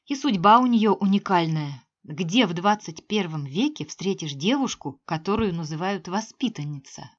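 A woman reading a novel aloud as an audiobook narrator, measured and expressive. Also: on the low side. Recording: slightly dull lo-fi sound.

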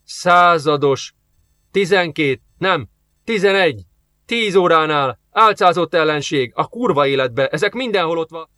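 A man's voice: on the high side, animated, pushed and bright, dry recording, voice pushed up. A man reading an audiobook, voicing a panicky young male sergeant calling in over a radio. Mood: panicked. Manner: frantic, stammering alarm.

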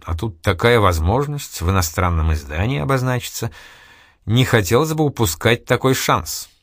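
A male narrator voicing a calm, wry young fighter speaking quietly. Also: mid-range voice, normal speed, no echo, studio quality. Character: calm sly young man, fighter before a final.

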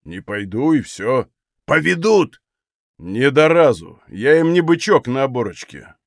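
A man's voice: medium pitch, very animated, measured pace, dry recording, clean studio sound. A man voicing a stubborn, plain-spoken Cossack with blunt, folksy talk.

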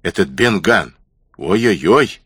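A kindly, stern ship's doctor speaks earnestly in a low, husky voice, as a man reads him. His lines swing widely in pitch, with a close, dry audiobook sound. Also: animated, slow, a bit bright, dry recording, heavily acted. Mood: warm.

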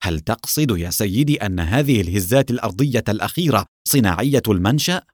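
A man's voice: fairly low pitch, lively intonation, fast talker, no echo, studio quality. A man reading the lines of an impatient, indignant male engineer in a storybook. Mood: annoyed. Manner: curt and indignant.

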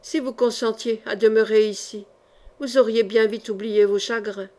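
A woman voicing a gentle, earnest young noble daughter who speaks softly and pleadingly. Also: a little high, flat delivery, normal speed, close to an everyday voice. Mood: tender. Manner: soft and pleading.

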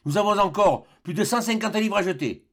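A man's voice: sits high, lively intonation, a little fast, pitched above the performer's own voice. A man voicing an explorer doctor who gives urgent orders during a balloon escape in an audiobook. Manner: urgent, commanding exclamations.

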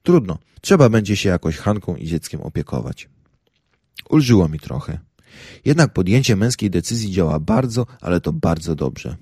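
A man's voice: sits low, sing-song, normal speed, dark tone, husky, dry recording. A young man reading a first-person humorous story aloud in a wry, ironic, indignant manner, close to the mic. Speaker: audiobook narrator.

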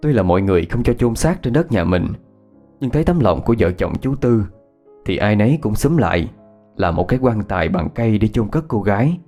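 A man, narrating a ghost story in a measured, unhurried way. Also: on the low side, big pitch swings, mellow. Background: faint instrumental music.

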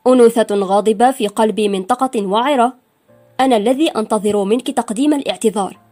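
A woman's voice: mid-range voice, fairly even intonation, a little mellow, soft background music, natural voice. A woman reading an audiobook, voicing a tall, arrogant man who speaks coldly and sarcastically. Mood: mocking. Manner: cold, sarcastic and unhurried.

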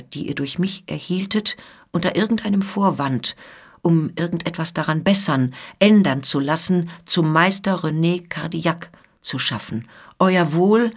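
A desperate young man begs in an urgent letter, read out by a woman. The voice is husky and set low, imploring throughout. This is a literary radio reading, kept close to the reader's own voice.

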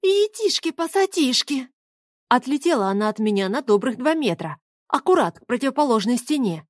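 A woman reading a first-person story as an audiobook narrator, in an even storytelling manner. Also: on the high side, fast talker, no echo, studio quality.

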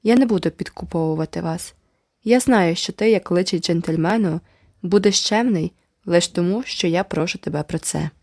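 A woman's voice: fairly low pitch, moderate pace, darkish tone, dry recording, studio quality. A woman voicing a kind but firm young woman talking to children. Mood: gentle.

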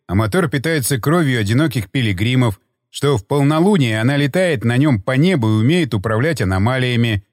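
Man doing a gruff skeptical stalker. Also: mid-range voice, animated, fairly quick, no echo, clean studio sound, in a large hall, close to an everyday voice. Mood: explaining. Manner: dismissive, lecturing. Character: skeptical grown male stalker, gruff and blunt. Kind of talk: audiobook character voice.

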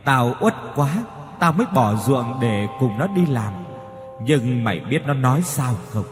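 Male reader doing a wronged young man's ghost, bitter and grieving, lively pitch, long reverb, faint music underneath. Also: unhurried. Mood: furious. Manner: bitter, grieving, teeth-gritting.

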